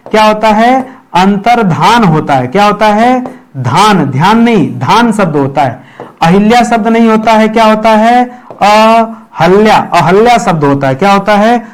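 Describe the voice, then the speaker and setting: A man teaching an exam-prep video lesson, repeating each word, asking himself questions and checking in with viewers. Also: high voice. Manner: repeats words and asks himself rhetorical questions; keeps addressing viewers as friends. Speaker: Hindi grammar teacher.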